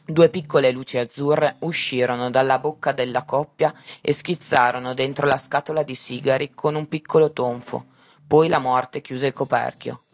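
A man reading a story aloud in a measured, unhurried way. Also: mid-range voice, steady tone.

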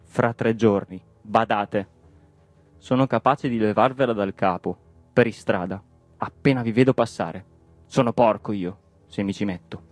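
A man voicing an excitable middle-aged hatter who talks in a high, flustered, stubborn way. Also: fairly quick, dry recording, soft background music, lightly acted.

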